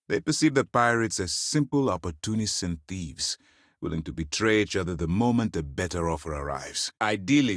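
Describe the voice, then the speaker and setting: Casting: a principled, stern sci-fi game fleet commander. Low voice, highly dynamic intonation, formal and authoritative, dry close sound. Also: male voice, no echo. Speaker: voice actor. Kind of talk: scripted video game character dialogue.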